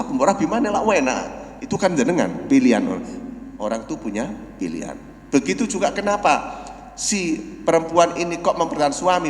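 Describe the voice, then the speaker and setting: A man preaching a dawn sermon in a mosque, often calling his listeners "Pak", rising to loud emphatic peaks, then dropping to soft prayer, and chanting Arabic lines slowly. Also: medium pitch. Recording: echoey mosque hall with long reverb.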